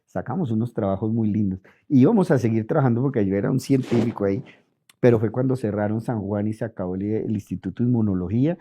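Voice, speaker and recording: A middle-aged Colombian man being interviewed, telling lively stories and acting out quoted dialogue. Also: lowish voice, quick pace, a little hiss or hum. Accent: Colombian Spanish. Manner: animated anecdotes, acts out quoted dialogue. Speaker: interviewed physician. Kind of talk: relaxed storytelling interview. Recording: dull lo-fi audio.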